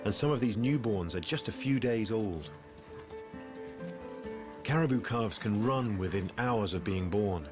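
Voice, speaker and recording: A man delivers scripted nature documentary narration in a measured, storytelling way. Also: on the low side, animated. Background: background music.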